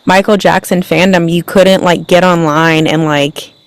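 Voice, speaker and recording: A woman's voice: on the low side, steady tone, a little slow, no room sound, low-quality recording. A woman hosting a casual chat, laid-back and slangy. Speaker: host.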